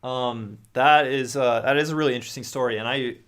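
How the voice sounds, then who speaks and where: Reading viewer stories on a home livestream, a young man speaks into a studio microphone on a boom near his face. His mid-range voice is fairly even in intonation, a little fast and a bit bright, with frequent restarts and reactions along the way.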